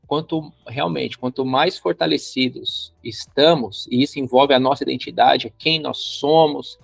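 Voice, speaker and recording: Man, Brazilian accent, podcast host, lively chat, quotes others in voices, faint music behind. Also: mid-range voice, a little slow, gravelly, dry recording. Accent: Brazilian Portuguese. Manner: animated, acts out quoted voices.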